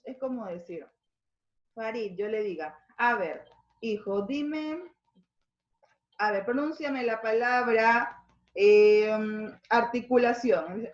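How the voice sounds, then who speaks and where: A woman's voice: mid-range voice, roomy sound, highs cut off. A woman with a Peruvian accent teaching a school language lesson, explaining step by step and checking in with her students. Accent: Peruvian Spanish. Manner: explanatory, checks in with frequent tag questions.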